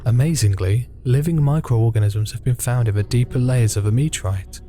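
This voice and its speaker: A man's voice: medium pitch, brisk, warm tone, faint music behind. A man playing a visual novel, reading its narration aloud and reacting with swearing and jokes. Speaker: gaming video host.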